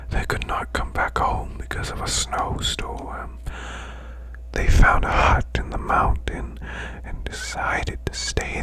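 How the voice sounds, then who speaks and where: A performer takes on the role of a male demon boss telling bedtime stories ASMR-style. He speaks in a breathy, growling whisper, hushed and unhurried, every word deliberate.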